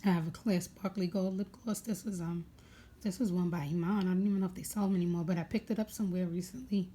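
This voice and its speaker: A young beauty vlogger with a raspy, warm, fairly low voice chats casually at home, rambling with lots of fillers while sorting through her makeup bag. She talks quickly in a steady tone.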